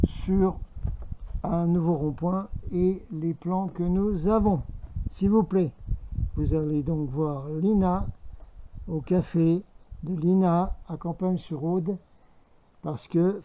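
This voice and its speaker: A man's voice: on the high side, warm tone, a little hiss or hum. Ranting man in a mountain vlog. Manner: sarcastic, ranting, breaks into mock English. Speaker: vlogger. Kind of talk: rambling outdoor political vlog. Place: outdoors at a mountain pass.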